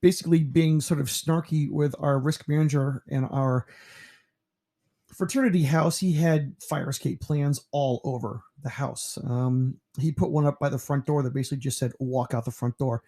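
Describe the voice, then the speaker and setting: A man of about fifty from New York, a teacher narrating a slideshow about himself in a relaxed, rambling way with lots of fillers. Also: mid-range voice, moderate pace. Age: 50s.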